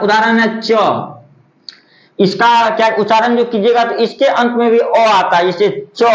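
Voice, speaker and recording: High-voiced teacher in an echoey room. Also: male voice. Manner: repeats rhetorical questions, slow drawn-out letter sounds. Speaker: Hindi grammar teacher. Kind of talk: classroom-style explanation. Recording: echoey room, dull lo-fi audio.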